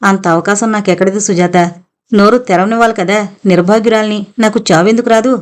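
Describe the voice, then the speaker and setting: A woman's voice: medium pitch, steady tone, brisk, natural voice. A woman voicing a beaten, despairing housewife who speaks wearily through tears. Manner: weary, tearful.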